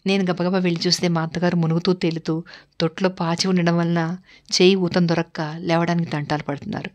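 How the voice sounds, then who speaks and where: A woman narrating a family story in the first person, steady and unhurried. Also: lowish voice.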